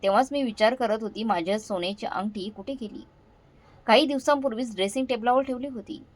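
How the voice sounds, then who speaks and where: A woman's voice: a little high, a little fast, no echo, lightly acted. A woman voicing a suspicious, sneering elder daughter-in-law, recorded dry and close. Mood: cold suspicion.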